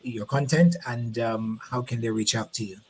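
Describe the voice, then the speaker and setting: Hosting a live online interview over video call, this man from Barbados speaks with a Barbadian accent in a medium-pitched, slightly mellow, husky voice, fairly even and moderately paced. He rambles and repeats words as he finds his phrasing, and the recording quality is low.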